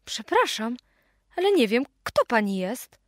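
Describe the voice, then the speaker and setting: A woman voicing a busy, flustered mother in a storybook reading, hurried and fretful. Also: fairly high pitch, big pitch swings, no room sound, clean studio sound.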